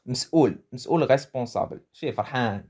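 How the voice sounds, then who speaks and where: A man's voice: medium pitch, animated, takes it slowly, a little mellow. A man from Morocco giving a casual, chatty language lesson, often restarting his phrases and laughing at his own jokes. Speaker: language teacher.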